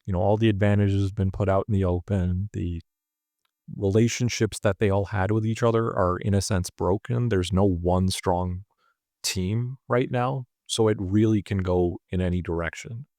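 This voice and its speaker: Low gravelly-voiced man chatting casually. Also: fairly even intonation, moderate pace, mellow, dry recording, studio quality. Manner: laid-back, many fillers like "like" and "uh". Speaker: podcast co-host. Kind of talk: casual recap chat.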